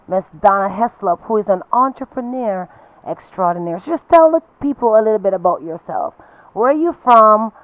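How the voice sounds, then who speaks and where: A woman's voice: mid-range voice, phone-quality sound. A woman hosting a live studio talk show, upbeat with a playful rhyming patter.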